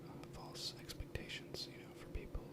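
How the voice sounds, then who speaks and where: Man whispering an ASMR ramble close-up. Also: normal speed. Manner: whispering close to the ear throughout. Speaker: ASMR video creator. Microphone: close binaural mic, ear to ear.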